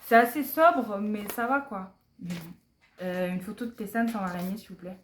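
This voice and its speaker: A woman's voice: mid-range voice, normal speed. Giggly young woman unboxing in echoey room. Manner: chatty, giggly, mutters asides softly. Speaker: unboxing vlogger. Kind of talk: casual unboxing chat. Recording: echoey room, faint background noise.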